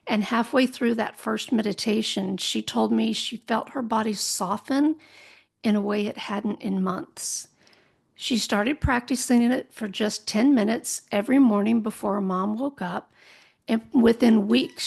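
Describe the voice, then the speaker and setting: A woman in her sixties hosting a podcast, speaking in an earnest, soft-spoken scripted monologue. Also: fairly high pitch, creaky, breathy edge. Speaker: podcast host.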